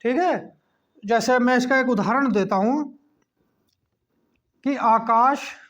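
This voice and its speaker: A man teaching a class lesson, checking in with a quick "okay" between points as he explains. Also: very high voice, a bit bright. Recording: dull lo-fi recording.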